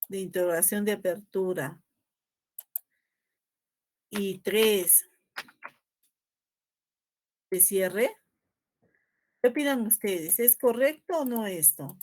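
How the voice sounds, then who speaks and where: Teacher tagging lines with "¿no?". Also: female voice, medium pitch, slow, pauses often, darkish tone. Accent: Peruvian Spanish. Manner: ends phrases with a tag "¿no?"; explains patiently with examples. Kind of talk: slide-based spelling lesson.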